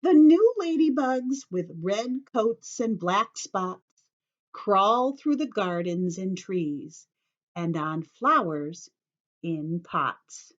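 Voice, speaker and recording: With a mid-range voice, a woman teacher leads story time for young children, reading a picture book and speaking to them directly in simple short phrases with careful emphasis. The highs in the recording are cut off.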